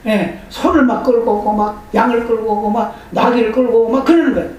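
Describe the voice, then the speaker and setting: A man's voice: very high voice, a little fast, darkish tone. A male pastor preaches in a church sanctuary, telling the story with animation and voicing the people in it. He is heard from a distance, and his voice rings through a large, very echoey hall. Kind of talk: sermon.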